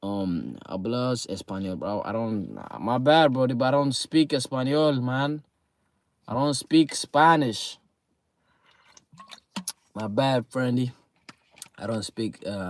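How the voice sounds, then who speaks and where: A man with a fairly low voice streams live, chatting casually with viewers about a game league. He rambles, using lots of fillers and repeating words, and his throat is sore, so his voice keeps getting lower. There's no echo.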